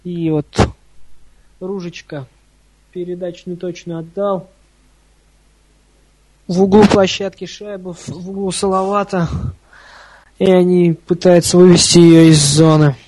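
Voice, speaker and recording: A man's voice: sits high, level tone, a little slow, long pauses, a little mellow, no echo, low-quality recording. A man giving informal live hockey play-by-play as an openly partisan, chatty fan of one side. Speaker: hockey commentator.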